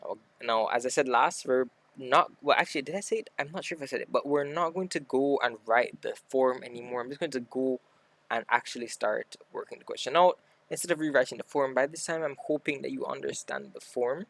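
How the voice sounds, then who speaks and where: Male maths tutor, mid pitch, gravelly, dry room, casual step-by-step explainer. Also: fairly quick, fairly bright tone, no echo. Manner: talks through steps aloud, self-correcting. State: hiccuping. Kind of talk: casual worked-example lesson.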